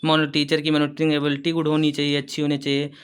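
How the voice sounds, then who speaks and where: स्पष्ट आवाज़ वाला पुरुष शिक्षक, परीक्षा की तैयारी करवाता हुआ. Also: male voice, fairly high pitch, completely flat delivery, clean tone. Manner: reads English lines slowly, then explains in quick Hindi. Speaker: teacher. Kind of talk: exam-prep lecture explaining notes.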